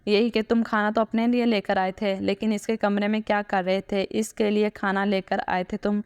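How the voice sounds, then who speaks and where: A woman's voice: medium pitch, flat delivery, normal speed, darkish tone, clear, resonant tone, dry recording, muffled recording, lightly acted. A woman playing a scolding, scheming mother. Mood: angry. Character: stern, scheming middle-aged mother.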